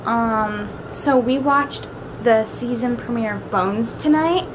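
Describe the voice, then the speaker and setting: A young woman vlogging casually at home in an informal, rambling way, full of "like" and "kinda". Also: on the high side. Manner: informal, drawn-out asides with frequent "like" and "kinda". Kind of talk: casual daily vlog chat. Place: at home, indoors. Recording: clear background noise, home ambience.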